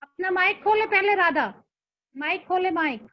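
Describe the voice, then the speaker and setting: Woman hosting an online meeting, very high voice, muffled video call sound, encouraging and prompting. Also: expressive, normal speed. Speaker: meeting host.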